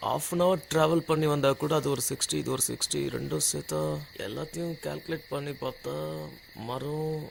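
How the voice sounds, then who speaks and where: A man's voice: fairly high pitch, steady tone, a little fast, vocal fry, slight background noise, rough recording. An actor playing a clever young man who explains step by step and teases his friends. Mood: explaining. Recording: film dub over loud music.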